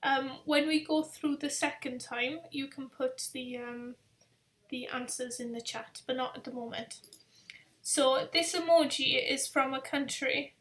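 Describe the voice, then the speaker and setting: A tired woman hosting a live-stream quiz, rambling casually and reading each question out slowly, repeating it as she goes. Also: high voice, steady tone, fairly bright tone. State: tired, yawning. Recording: echoey room sound.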